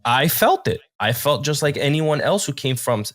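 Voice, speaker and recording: A man from Puerto Rico, a native Spanish speaker, co-hosting a podcast with measured, thoughtful talk. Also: medium pitch, big pitch swings, a bit bright, no echo. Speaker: podcast producer and co-host. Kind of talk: casual podcast chat.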